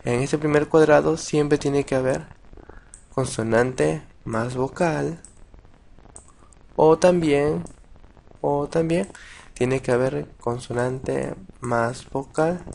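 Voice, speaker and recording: A man teaching a casual video lesson, patient and halting, with many restarts and repeated words. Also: fairly high pitch, fairly even intonation, vocal fry, a little mellow. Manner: patient, addresses viewers directly. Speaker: language teacher.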